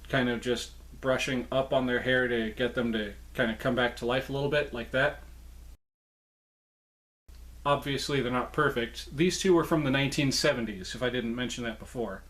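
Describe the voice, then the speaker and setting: Male collector-presenter, mid-pitched voice, casual show-and-tell delivery, chatty, informal, self-correcting. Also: fairly bright tone. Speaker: presenter showing a puppet collection.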